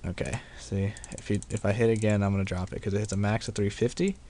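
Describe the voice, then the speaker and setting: A young man with a slightly low, gravelly voice talks through his own gameplay in a loose, profane, laughing way. He sounds like he is speaking into a desktop mic at his computer. Faint hiss and the click of keys sit under his voice. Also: fairly even intonation, fast, mellow. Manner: profane, laid-back, laughing often. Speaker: gaming video host. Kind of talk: casual gameplay commentary.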